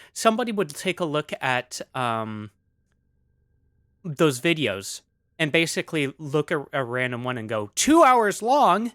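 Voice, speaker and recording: A man's voice: medium pitch, a bit bright, clean tone, dry recording, clean studio sound. A man streaming casually, rambling with many fillers as he reads chat aloud, still coughing after an illness.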